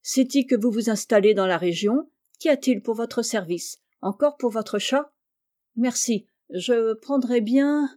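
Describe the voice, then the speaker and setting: A woman's voice: on the high side, a little slow, mellow, close to an everyday voice. A woman reading a story aloud, voicing a frightened middle-aged male village butcher who stammers and pleads. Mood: obliging.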